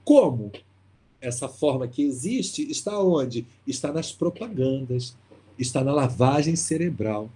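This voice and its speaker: A man leading an online literature class in a casual, lively way, reading passages and asking rhetorical questions. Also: mid-range voice, measured pace, breathy edge. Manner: lively, talkative, exclaims and asks rhetorical questions. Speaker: literature teacher leading a course.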